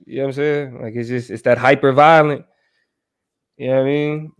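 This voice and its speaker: A man's voice: medium pitch, fairly even intonation, brisk, smooth. A man hosting a casual debate recap, talking conversationally and often checking in with "right?" and "you know what I mean". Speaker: show host.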